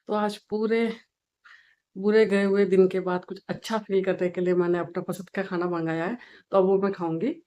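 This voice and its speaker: A woman's voice: mid-range voice, moderate pace. A young woman, venting animatedly in a casual daily vlog. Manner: animated, exasperated ranting. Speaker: vlogger, home beauty service worker. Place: Jaipur.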